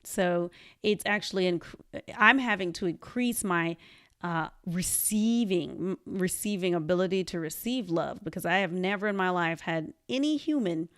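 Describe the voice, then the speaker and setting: A woman's voice: lowish voice, normal speed, fairly bright tone, no room sound, clean studio sound. A young adult woman hosting a solo podcast, talking candidly and chattily and acting out her own quoted lines. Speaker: podcast host. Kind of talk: personal solo podcast monologue.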